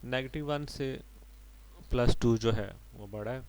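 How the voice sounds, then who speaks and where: A man's voice: mid-range voice, a little slow, a little mellow, a little hiss or hum, low-quality recording. A man lecturing on mathematics, explaining each step patiently and checking in with his students as he goes. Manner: explains step by step, mixing English terms and often adding "ठीक है जी". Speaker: maths lecturer. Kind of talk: recorded maths lecture.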